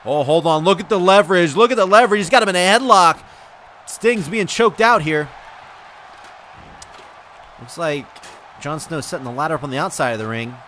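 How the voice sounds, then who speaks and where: An excitable man calls a wrestling video game match play by play, often breaking into shouts and exclamations. His voice sits high and comes across bright and sharp. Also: normal speed, pauses often, a little hiss or hum. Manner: addresses viewers as folks.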